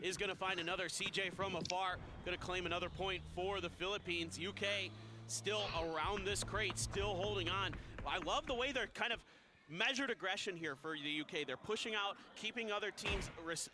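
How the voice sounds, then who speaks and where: Male esports caster, high voice, hissy restreamed audio. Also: brisk. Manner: energetic, rising when action heats up. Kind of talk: play-by-play commentary.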